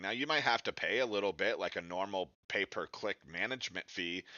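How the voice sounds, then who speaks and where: A man who teaches digital marketing presents an informal instructional webinar in a low voice with a forceful, bright edge. His manner is direct and conversational, and he keeps tacking quick check-in tag questions onto his points. The recording is dry and slightly muffled, with no room sound.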